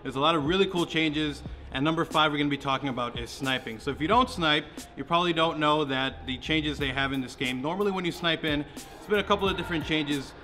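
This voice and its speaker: A man's voice: a little high, quick pace, sharp tone. A young man giving a casual, rambling gaming commentary full of fillers. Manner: loose, rambling with many fillers. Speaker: gaming YouTuber. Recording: music playing behind.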